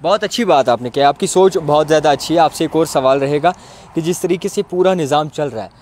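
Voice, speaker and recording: A man's voice: on the high side, fast, darkish tone, a little hiss or hum. Courteous young male interviewer. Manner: courteous, formal, encouraging. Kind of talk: interview questions. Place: outdoors in a village courtyard.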